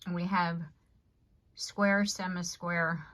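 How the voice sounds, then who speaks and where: A woman with a notably low, deep speaking voice gives a chatty tarot reading to her viewers. She talks in loose, rambling runs, circling back on her points and often checking in with "you know what I mean.". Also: level tone, takes it slowly, a bit bright. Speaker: tarot reader. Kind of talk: casual collective tarot reading to camera.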